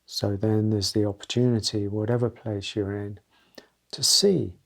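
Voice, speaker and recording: Guiding a meditation, a man speaks softly and unscripted, pausing between short, halting phrases. His voice is on the low side and creaky, with a steady tone.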